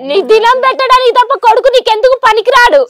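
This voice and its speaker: Young woman, crying daughter, high-pitched, accusing. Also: quick pace, fairly bright tone. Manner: tearful, pleading, accusing. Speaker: daughter of the troubled family.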